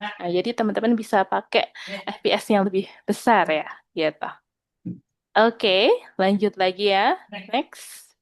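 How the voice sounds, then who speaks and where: A woman teaching an online programming lesson. She speaks patiently, keeps checking in with her students, and slows down when she reads out code. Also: mid-range voice, no room sound.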